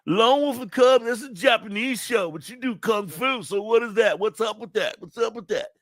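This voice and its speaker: A man putting on a nerdy, excitable male fan voice, high and insistent. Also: moderate pace, dry recording, clean studio sound. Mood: quizzical.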